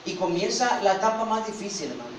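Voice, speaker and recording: Brief: a male pastor, high voice, dramatic sermon, recorded from afar in a very echoey hall. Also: sing-song, fast talker, a crowd in the background. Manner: dramatic, swinging from loud calls to hushed asides. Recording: very echoey, from a distant mic, faint noise.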